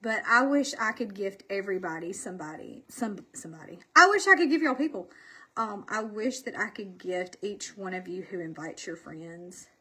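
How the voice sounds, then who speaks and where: Woman, Southern US accent, bright tone, husky, congested, chatty, folksy, self-deprecating, casual livestream talk. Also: medium pitch, animated, normal speed. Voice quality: congested, stuffy. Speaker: livestream host selling makeup. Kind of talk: casual livestream chat while doing makeup.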